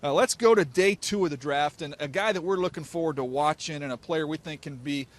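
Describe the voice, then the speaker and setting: A man hosting a football podcast, moving through segments and talking about draft picks. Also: a little high. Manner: brisk, segment-driving host. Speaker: podcast host.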